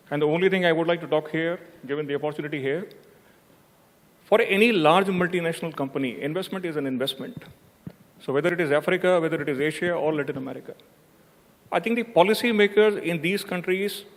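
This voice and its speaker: A man speaking as a business executive at a conference, measured and businesslike, into a handheld mic on a large hall stage. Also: on the high side. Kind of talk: conference panel remarks. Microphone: handheld microphone. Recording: long hall reverb.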